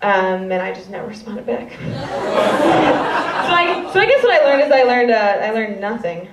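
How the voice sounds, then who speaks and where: A Chicago woman in her twenties does a rambling, self-deprecating stand-up set on a hall stage, full of fillers, in a Midwestern accent. Her mid-range voice is expressive and moderately paced over a very noisy crowd. The live recording sounds roomy, distant, and dull.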